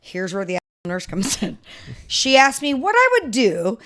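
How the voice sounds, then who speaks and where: A woman's voice: fairly high pitch, wildly swooping pitch, a little slow, a bit bright. Chatty woman reading stories aloud. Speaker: podcast co-host reading stories. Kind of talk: casual podcast chat.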